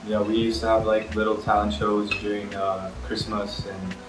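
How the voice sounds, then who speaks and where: Easygoing low-voiced young man, echoey kitchen. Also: little pitch movement, moderate pace. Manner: easygoing, hesitant with many ums. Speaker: guest, host's brother. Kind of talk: casual Q and A chat while eating. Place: home kitchen, indoors. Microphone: camera across the table. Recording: roomy kitchen sound, mic at a distance, music under. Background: background music.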